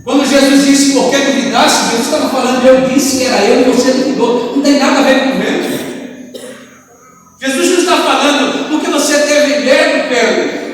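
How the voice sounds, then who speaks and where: A man preaching a sermon as pastor, in a sing-song cadence that swells into shouting. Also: extremely high pitch, fairly even intonation, fairly quick. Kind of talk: Pentecostal sermon. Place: church hall. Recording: echoey hall, distant mic, music behind.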